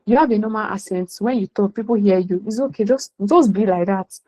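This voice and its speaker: A woman's voice: medium pitch, fairly quick, dark tone, poor audio. A woman with a Nigerian accent gives an emphatic motivational class talk as a career coach, slipping in Pidgin phrases.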